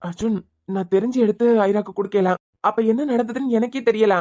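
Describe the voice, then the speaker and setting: A woman with a Kanyakumari Tamil accent voicing a guilt-ridden young father who pleads quietly in a cartoon. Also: on the high side, a little fast, lightly acted. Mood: remorseful.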